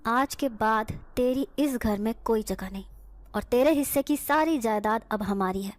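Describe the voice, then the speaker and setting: Harsh, contemptuous relative, read by a woman narrator in a storybook horror tale, fairly high voice. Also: no echo, lightly acted. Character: cruel relative evicting an orphan girl.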